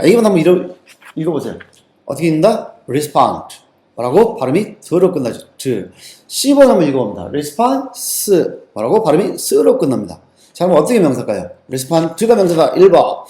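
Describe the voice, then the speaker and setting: Male tutor, animated pitch, quizzing and repeating answers, slightly high voice. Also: roomy sound. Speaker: TOEIC English teacher. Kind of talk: lecture-style exam lesson.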